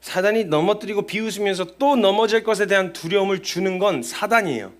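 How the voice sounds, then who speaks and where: Male missionary preacher, high voice, sermon that drops to hushed tones then builds up loud and fervent. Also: fairly quick. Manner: swings from hushed intimate tones to loud rising exhortation; acts out quoted voices of God and the believer.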